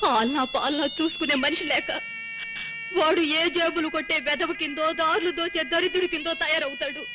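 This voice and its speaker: A woman's voice: sits high, steady tone, brisk, over music, natural voice. An actress playing an ailing elderly mother, hard of hearing, who talks in a plaintive, complaining way in a film comedy. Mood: pleading. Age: older. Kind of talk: 1980s film comedy dialogue.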